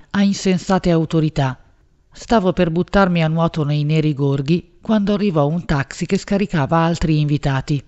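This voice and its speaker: A woman reads a literary novel aloud at a measured pace, shaping each phrase expressively. The recording sounds slightly dull and lo-fi. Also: deep voice, warm tone. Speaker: audiobook narrator. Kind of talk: literary audiobook narration.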